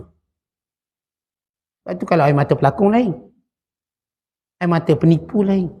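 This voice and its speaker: A middle-aged Malaysian man with a Malaysian Malay accent, teaching a religious sermon and telling stories with quoted dialogue. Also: on the high side. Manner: storytelling, animated, with quoted dialogue.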